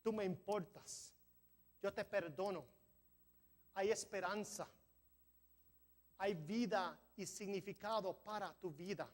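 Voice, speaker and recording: This high-pitched pastor preaches slowly, leaving long pauses, and pushes toward emphatic climaxes with rising emphasis. A non-native speaker whose first language is not Spanish, he trips over a word now and then as he speaks in the church sanctuary.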